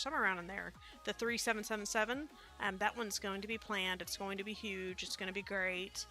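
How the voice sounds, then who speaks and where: Her Midwestern American accent comes through as this woman rambles casually with plenty of fillers during live-stream commentary on a game. Her voice is medium-pitched, pushed and bright.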